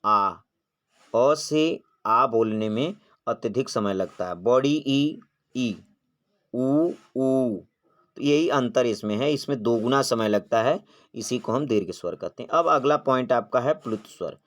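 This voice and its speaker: A man's voice: medium pitch, expressive, moderate pace. A man teaching an exam-prep grammar lesson, posing questions and answering them himself, drawing out vowel sounds when he demonstrates them.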